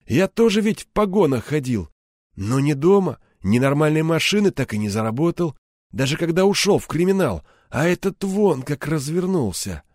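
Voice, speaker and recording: A man's voice: on the high side, big pitch swings, normal speed, a little mellow, no echo, studio quality, voice pushed up. A man voicing a cold, menacing ex-cop enforcer, Kirpich. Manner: cold, threatening, mocking. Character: menacing male ex-cop turned criminal enforcer.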